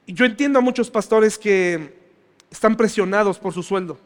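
A man's voice: sits high, normal speed. A male pastor giving a conversational sermon, often putting questions to his congregation. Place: church. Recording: long church reverb.

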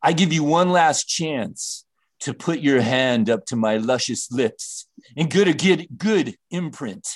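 Big-man-on-campus bully, male actor: pompous, mocking, slow and very animated, for comic radio drama. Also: mid-range voice. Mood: menacing, pompous. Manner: mocking, drawn-out, theatrical repetition. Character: taunting, self-important high school bully, big man on campus. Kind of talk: comedic radio-play acting.

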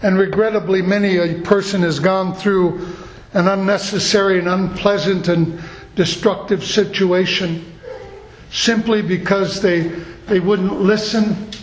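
A man's voice: sits high, echoey room, low-quality recording. A middle-aged man preaching a sermon, earnest and telling stories from his own life. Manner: earnest, storytelling.

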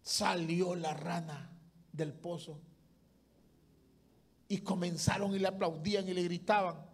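A man preaching a sermon as pastor, impassioned, swinging between loud calls and hushed asides. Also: high voice, steady tone, measured pace, husky.

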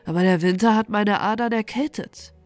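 A woman's voice: medium pitch, normal speed, dry recording, soft background music, close to an everyday voice. A woman voicing a weary, frost-damaged male rose bush in a bedtime storybook, grave and mournful. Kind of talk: storybook reading.

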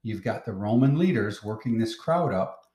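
Patient low-voiced man teaching Bible. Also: lively intonation, normal speed, warm tone, roomy sound. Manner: patient, questioning, explains as he reads. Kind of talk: Bible lesson with a child.

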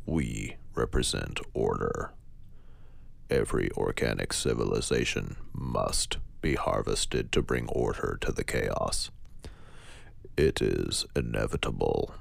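A man voicing a colossal, menacing robotic alien machine in a deep, gravelly monotone without inflection. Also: dry recording, heavily acted. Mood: ominous. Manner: slow, flat, ominous pronouncements.

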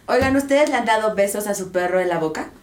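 A woman's voice: mid-range voice, lively intonation, fast. A woman with a Mexican Spanish accent hosting a podcast, joking crudely and firing questions at her guests. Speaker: podcast host. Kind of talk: casual podcast chat. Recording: echoey room with faint noise.

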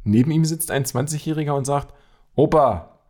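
A man co-hosting a podcast, chatting casually and telling jokes of his own in a relaxed way. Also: medium pitch, a little fast. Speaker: podcast co-host. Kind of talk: casual joke-telling chat.

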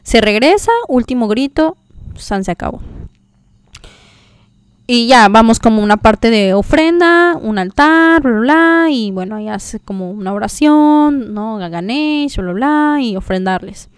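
A woman's voice: fairly high pitch, lively intonation, unhurried, smooth, dry recording. A young woman, hosting a podcast and telling a personal story in a chatty, confiding way with many fillers. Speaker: podcast host. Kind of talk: casual storytelling chat.

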